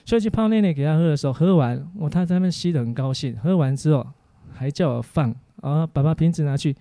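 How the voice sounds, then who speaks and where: A man, a preacher giving a teaching sermon for an online course, full of animated stories about his family. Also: fairly high pitch, fast talker, no room sound.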